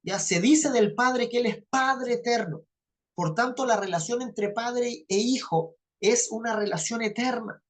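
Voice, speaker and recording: A woman's voice: fairly high pitch, unhurried. A woman teaching a Bible class. She keeps checking in with her listeners and repeats phrases for emphasis. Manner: checks understanding with frequent "¿ya?".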